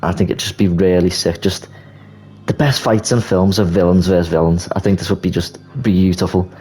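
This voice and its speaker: A man's voice: low-pitched, fairly even intonation, normal speed, husky. A young man casually retelling a movie plot idea, rambling and leaning on filler words. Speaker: video creator. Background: soft background music.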